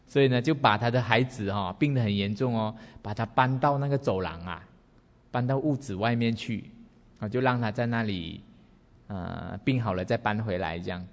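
Man, Buddhist teacher, relaxed storytelling, low voice, long hall reverb. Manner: relaxed, unhurried, with many sentence-final particles. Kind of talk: storytelling dharma talk.

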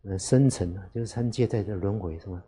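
A man, a Buddhist monk, giving an unhurried dharma talk to lay listeners, often asking rhetorical questions. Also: on the low side, warm tone, husky.

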